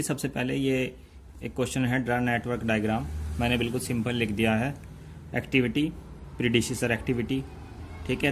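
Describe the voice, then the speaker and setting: A man's voice: mid-range voice, a little hiss or hum. Man teaching step by step. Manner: explains slowly, checks in often. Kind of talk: step-by-step lecture.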